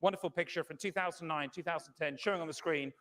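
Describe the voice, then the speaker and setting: A male fine art auctioneer with a fairly high voice and a very quick pace. He is polished and courteous, addressing the saleroom formally and repeating figures as he goes. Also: fairly bright tone.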